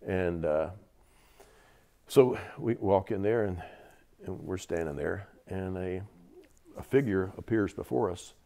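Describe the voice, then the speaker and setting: A man's voice: sits low, slow, vocal fry, long pauses, mellow. A man in his seventies from Georgia with a Southern accent, vividly recounting stories in an interview, repeating words for emphasis. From Georgia, USA. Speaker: interview guest, veteran. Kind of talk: storytelling interview.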